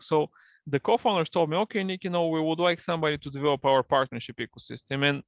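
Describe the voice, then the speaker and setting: Gravelly-voiced Bulgarian man explaining. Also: a little high, a bit bright, no echo. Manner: fluent non-native English, explanatory. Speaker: guest, partnership manager. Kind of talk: online interview.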